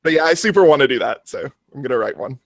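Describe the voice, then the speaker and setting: Man, tabletop player, eager, lively pitch, dry sound. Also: very fast, vocal fry, dry recording. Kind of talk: casual chat at a tabletop game.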